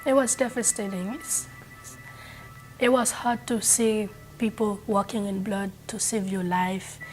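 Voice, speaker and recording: A woman's voice: medium pitch, fairly even intonation, low-quality recording. Grave young woman. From Haiti. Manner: grave, halting. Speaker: student. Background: music.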